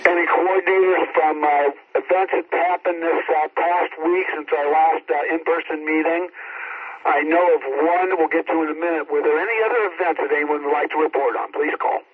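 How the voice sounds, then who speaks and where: A man's voice: a little high, steady tone, normal speed. A man running an amateur radio net as net control operator, heard over a static-laden radio channel as he reads back call signs and calls for check-ins. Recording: tinny radio transmission with crowd noise.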